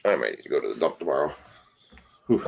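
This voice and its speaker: Casting: tired man, very low voice, relaxed card-break host listing player names. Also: fast, vocal fry, husky. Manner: relaxed, rattles off player names as he opens packs. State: tired, yawning. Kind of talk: casual live card-break commentary.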